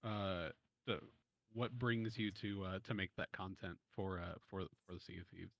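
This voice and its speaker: A man's voice: low voice, fairly even intonation, moderate pace, creaky, a bit bright, dry recording. A man co-hosting a podcast, asking interview questions hesitantly with many fillers. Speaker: podcast co-host.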